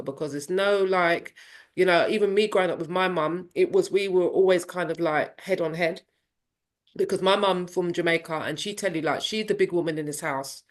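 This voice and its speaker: A woman in her fifties, a parenting coach, telling her personal story in an interview in a candid, reflective way and acting out family voices. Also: on the low side. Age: 50s. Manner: animated, acts out family dialogue in voices.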